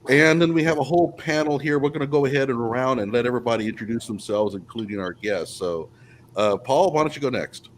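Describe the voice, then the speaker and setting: A man hosting a live online panel in a casual, talky way. His voice sits at an ordinary pitch, with a faint hiss of noise under it. He runs things loosely and stumbles now and then. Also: fast talker. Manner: loose, laughing, trips over words. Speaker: livestream host.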